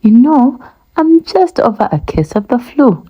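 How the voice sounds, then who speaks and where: A woman's voice: on the high side, very animated, a little slow, husky, highs cut off, voice pushed up, exaggerated voice. A woman voicing a timid gnu in a storybook read-aloud, groaning out excuses. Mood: whiny. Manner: whiny, groaning.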